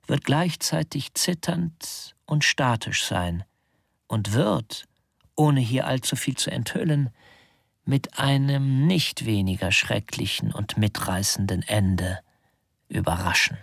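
A man reading literary narration in a slow, deliberate way, often sinking into a whisper. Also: medium pitch, lively intonation, vocal fry, slightly rough, no room sound, clean studio sound.

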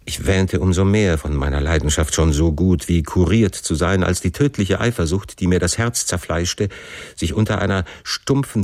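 Deep-voiced male audiobook narrator, first-person classic novel, expressive but measured, dry close sound. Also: no room sound. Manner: expressive, measured dramatic reading.

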